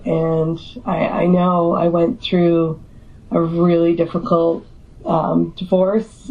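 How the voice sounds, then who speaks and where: Woman guest, hoarse and low, very slow and halting, dull lo-fi sound. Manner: slow, hesitant, many fillers. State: hoarse from recovering illness. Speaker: divorce coach. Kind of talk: casual discussion. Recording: muffled lo-fi audio.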